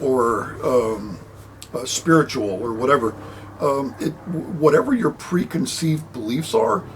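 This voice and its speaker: Guy rambling to camera about his book, medium pitch, easygoing, does little voices for quotes. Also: slight background noise, low-quality recording. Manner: conversational and rambling, acting out quoted speech. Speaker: author presenting his book. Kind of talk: casual unscripted monologue to camera.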